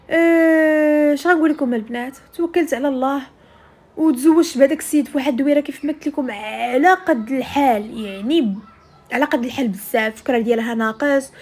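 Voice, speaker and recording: A Moroccan woman tells a first-person story in a high, husky voice. Her delivery is conversational and extremely quick, addressed directly to the women listening. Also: a little mellow.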